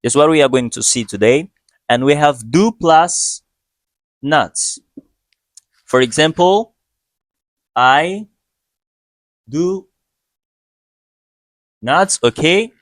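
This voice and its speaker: A man teaching English in a video lesson, speaking patiently and repeating each example slowly. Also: on the high side, animated, dry recording. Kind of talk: video lesson, slow explanation.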